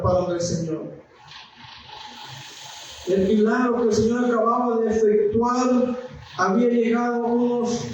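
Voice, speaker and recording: A male pastor preaching a sermon, often calling his listeners brothers and pausing to search for words. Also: extremely high pitch, darkish tone, slight background noise. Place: church hall. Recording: very echoey room from far off.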